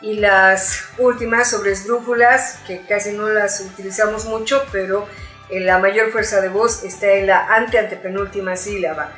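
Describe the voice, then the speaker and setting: A woman gives a spoken lesson, patiently explaining each point with examples and small asides. Her voice sits at a middle pitch. The room is roomy and echoey, with faint music playing underneath. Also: fairly even intonation, moderate pace, a bit bright. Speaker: teacher.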